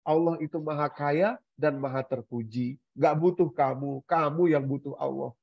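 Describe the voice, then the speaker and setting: A man giving an Islamic study sermon, speaking in an animated way and acting out the complaints of older people. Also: medium pitch, normal speed, creaky, dry recording, muffled recording. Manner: animated, acts out complaints of the elderly. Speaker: Islamic preacher.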